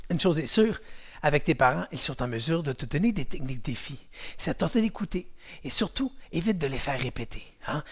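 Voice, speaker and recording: Male karate instructor, animated and bouncy, calls moves with gusto. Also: high-pitched, gravelly. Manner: energetic, shouts commands and makes whoosh sounds. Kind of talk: kids' martial arts class.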